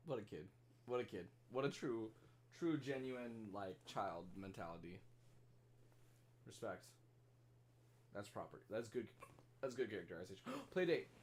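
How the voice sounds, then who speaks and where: Young male reaction streamer, lowish voice that swings widely, slang-heavy, faint room hum. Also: lively intonation, measured pace, long pauses, darkish tone. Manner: slangy, swears, laughs often. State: hiccuping. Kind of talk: casual reaction commentary.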